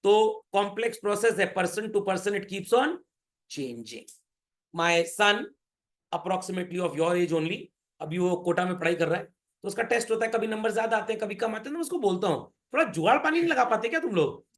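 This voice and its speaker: Lively high-voiced male teacher. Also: moderate pace. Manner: animated, joking, keeps asking "Is that clear?". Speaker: commerce teacher. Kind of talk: classroom lecture.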